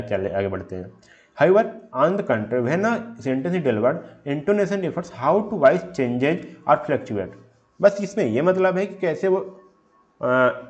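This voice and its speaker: A man's voice: medium pitch, highs cut off. A man giving an exam revision lecture. He reads English definitions off his slides, then explains them plainly and keeps asking rhetorical questions he answers himself. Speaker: teacher.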